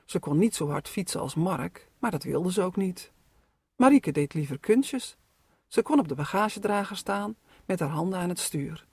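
A narrator reading children's stories aloud with expressive, lively storytelling. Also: medium pitch, normal speed, slightly rough, no room sound.

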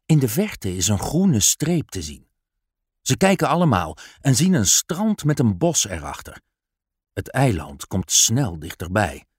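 A man narrating a children's story aloud in a slow, expressive storytelling manner. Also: lowish voice, slightly rough, no echo, clean studio sound.

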